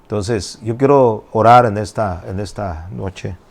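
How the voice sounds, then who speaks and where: A man's voice: on the low side, measured pace, vocal fry. An older man, a pastor, preaching a sermon with emphatic, repeated questions and rising exclamations.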